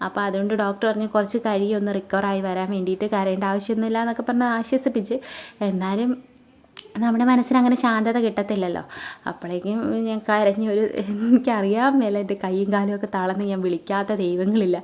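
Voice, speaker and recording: A woman's voice: medium pitch, steady tone, fast, a little mellow. A young woman with a Kerala Malayalam accent, retelling a family scare in a casual vlog, full of fillers and asides to her viewers. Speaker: vlogger.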